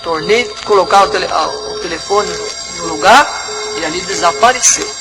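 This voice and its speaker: A pastor with a Brazilian Portuguese accent tells a dramatic personal testimony in an emphatic storytelling manner. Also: male voice, high voice, normal speed, rough recording. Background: music.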